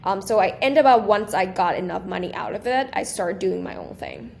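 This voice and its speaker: Taiwan-raised young woman, animated chat. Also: mid-range voice, moderate pace, creaky, slight background noise. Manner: animated, with many restarts and fillers. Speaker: guest, small business creator. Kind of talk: casual interview chat.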